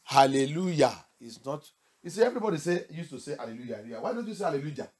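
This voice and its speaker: A man's voice: fairly high pitch, very animated, fast talker. Man preaching a bilingual sermon. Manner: switches between English and French, rising to shouts; rhetorical questions to the congregation. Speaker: pastor.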